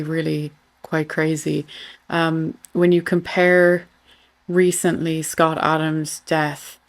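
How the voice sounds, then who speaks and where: Lower-voiced woman hosting political commentary. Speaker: host. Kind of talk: political meme commentary, reading captions aloud.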